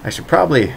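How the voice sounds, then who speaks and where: A man's voice: fairly high pitch, creaky, fairly bright tone, husky. A man chatting casually as a streamer answering his chat, sarcastic and playful, with mock-dramatic outbursts and frequent laughing restarts.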